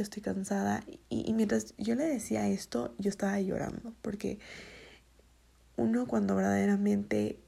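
A young woman in her twenties shares a personal story in a confessional vlog. Her voice is soft, hesitant, and often half-whispered, with a heavy vocal fry and a dark, mellow, breathy tone. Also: mid-range voice. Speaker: vlogger.

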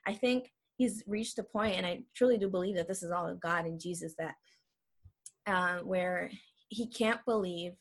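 A woman's voice: lowish voice, moderate pace. A woman in her twenties from El Salvador, sharing her personal story as a guest, earnest and full of "um" and "like". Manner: earnest, frequent fillers like "um" and "like". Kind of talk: casual personal testimony.

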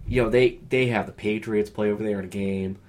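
Talking a little fast in a lowish, steady voice over a noisy crowd, this New England podcast co-host rambles jokingly through sports trivia, swearing now and then and trailing off into mumbles. The audio quality is poor.

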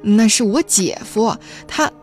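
Audiobook figure: earnest teenage boy, loud and exasperated, read by a woman. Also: mid-range voice, animated, slow, soft background music.

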